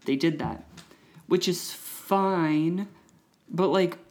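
A woman co-hosting a casual film chat, animated and opinionated, often talking over her co-host. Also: on the low side, very slow.

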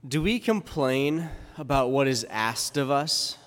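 A man's voice: mid-range voice, animated, takes it slowly, fairly bright tone, slight background noise. A man reads scripture and then preaches in an easygoing, conversational way, asking his listeners questions. His voice sits in the middle range. Everything rings with the long, cathedral-like echo of a large church. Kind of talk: gospel reading and homily.

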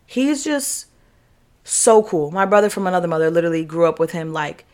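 A woman's voice: on the low side, quick pace, a little mellow. Earnest woman hosting her podcast. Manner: earnest, emphatic, repeats phrases. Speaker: podcast host. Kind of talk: casual solo podcast talk.

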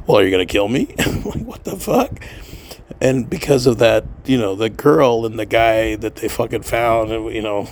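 A man's voice: on the low side, a little hiss or hum. A middle-aged man talking in a casual, rambling monologue, swearing freely and laughing often. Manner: profane, digressive, laughs often. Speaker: podcast host.

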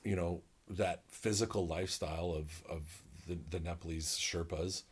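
A North American man co-hosts a podcast, chatting casually and with real enthusiasm in a deep, husky voice. His tone stays steady at a moderate pace, though he rambles and leans heavily on fillers.

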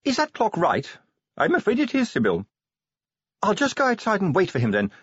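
A woman's voice: huge pitch swings, normal speed, slightly rough, no echo. A man voicing Sybil, an anxious, insistent noblewoman mother, in an audiobook reading. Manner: high, breathless reassurance. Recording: dull lo-fi audiobook recording.

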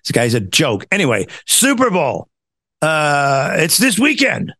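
A man's voice: fairly high pitch, huge pitch swings, a little slow, pushed and bright, dry recording, clean studio sound. An American man hosting a talk show, giving casual political commentary in an exasperated, sarcastic, ranting way.

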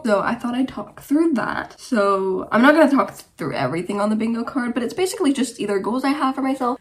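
A nineteen-year-old woman from Romania talks through her own podcast in a loose, rambling way, full of fillers and side remarks. She speaks quickly, at an ordinary middle pitch for a woman. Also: slight background noise. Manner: chatty, rambling, lots of "like" and asides. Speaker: podcast host. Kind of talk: casual solo podcast chat.

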